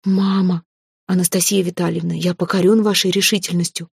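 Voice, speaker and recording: Woman voicing a calm, formal young groom. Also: fairly low pitch, brisk, gravelly, slightly rough, dry recording, clean studio sound, heavily acted. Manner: composed and formal. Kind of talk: audiobook reading.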